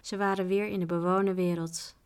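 A woman's voice: on the low side, level tone, normal speed, clear, resonant tone. Woman reading a children's book aloud.

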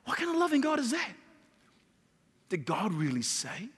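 A man's voice: very high voice, big pitch swings, normal speed, sharp tone, husky, pitched above the performer's own voice, exaggerated voice. A man voicing the devil as a taunting male doubter, throwing mocking, accusing questions, within his sermon. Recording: long hall reverb.

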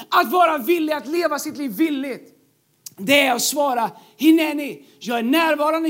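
High-voiced man preaching a sermon. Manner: emphatic, repeats key phrases, jokes with the congregation. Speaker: pastor.

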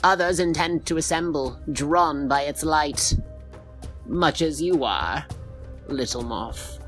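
A storyteller voicing an elderly merfolk woman elder, sly, calm and wise, who speaks in a slow, measured way. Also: medium pitch, faint music behind.

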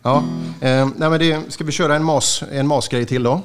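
A man's voice: on the high side, fairly even intonation, music in the background. A man hosting a radio show, bantering casually, joking and laughing often and stumbling over restarts.

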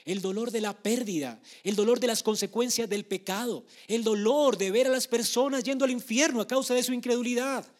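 Male preacher with a high-pitched voice, emphatic sermon delivery that swings from soft to loud. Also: a little fast, few pauses.

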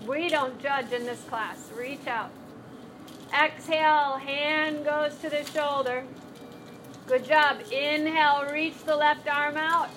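Woman yoga teacher, high-ish voice, playful encouraging cues, faint background noise. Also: fairly even intonation, slow pace, fairly bright tone. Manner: encouraging, playful cueing of breath and movement. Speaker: chair yoga instructor. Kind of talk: live guided yoga class. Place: class room with group.

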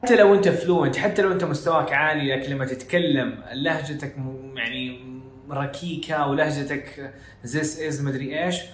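A Saudi man from Jeddah with a Hejazi accent hosts a casual educational podcast, dropping English phrases into his Arabic. His voice is fairly high and a little fast. The room is echoey, with a little hiss or hum.

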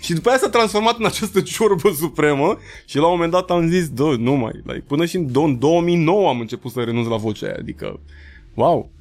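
A man in his thirties, a rapper and beatmaker, telling stories in a casual interview and acting out quotes in high voices. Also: sing-song.

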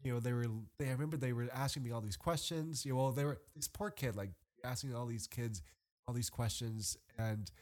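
A man's voice: mid-range voice, a little fast. A man, a podcast guest, chatting casually and telling stories animatedly, rambling with lots of restarts and fillers. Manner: animated storyteller. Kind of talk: casual chat.

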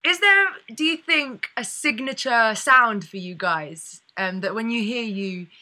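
A woman's voice: a little high, expressive, unhurried, bright, forceful tone. A woman hosting a casual radio interview, bubbly and laughing often. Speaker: radio host.

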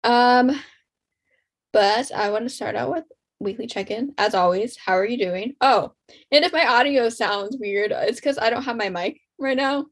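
A woman's voice: on the high side, moderate pace. Young woman co-hosting a casual podcast. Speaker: podcast co-host.

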